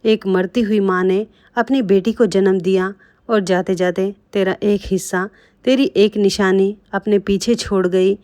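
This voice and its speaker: A tender elderly mother speaks softly, read by a woman in a plain storybook voice. She sounds comforting and loving, with an everyday medium pitch. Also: steady tone, a little slow, no room sound, studio quality, natural voice. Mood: consoling. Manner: soft, consoling.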